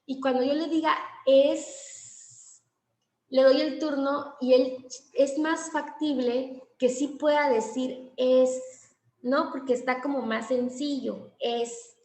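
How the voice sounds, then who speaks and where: A woman teaches a class on language therapy at a slow, deliberate pace. Her voice sits high and has a gravelly edge. The recording carries a noticeable room echo. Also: steady tone. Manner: explanatory, acts out child and teacher exchanges. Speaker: teacher trainer.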